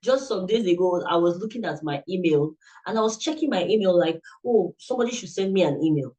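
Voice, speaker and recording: This man's voice is high, animated, fairly quick and warm, though the audio is poor. He's presenting a motivational talk at an online summit through a computer mic on a video call, coaching earnestly and directly while repeating himself often.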